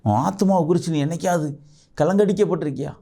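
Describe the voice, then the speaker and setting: A man's voice: fairly high pitch, fast talker, gravelly, dark tone. A male pastor, preaching a fervent sermon full of repeated rhetorical questions. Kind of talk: sermon with prayer.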